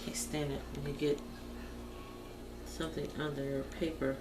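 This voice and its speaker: Speaking at a normal pace with a deep voice and flat delivery, this colouring-vlog host chats informally as she works, musing aloud in a folksy manner. The audio comes from a distant home camera mic, so it's roomy and noisy.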